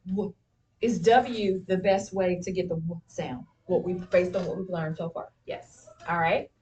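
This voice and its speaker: Leading a classroom spelling lesson, a woman teacher speaks in a lowish, mellow voice that's a little slow with fairly even intonation. She prompts the class with questions and often says "okay" and "all right," captured from a distance with faint noise.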